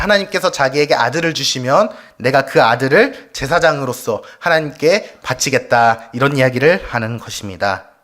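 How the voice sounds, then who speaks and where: A male evangelist with a fairly high, somewhat bright voice preaches at a Wednesday service in a church sanctuary. He has the congregation read scripture aloud with him and puts rhetorical questions to them.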